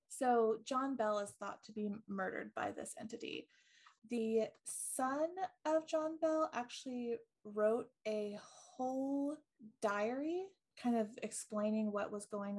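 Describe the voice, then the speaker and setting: A woman's voice: on the high side, slow. A woman co-hosting a podcast, casually retelling a ghost story with lots of ums and likes. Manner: chatty, many ums and likes, laughs easily. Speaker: podcast co-host.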